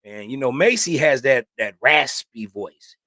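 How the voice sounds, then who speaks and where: A man's voice: mid-range voice, expressive, measured pace, bright, forceful tone, no echo, clean studio sound. Slangy talkative male podcast host. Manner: loose, slangy and talkative, with frequent "man" and "you know what I'm saying". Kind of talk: casual opinion podcast.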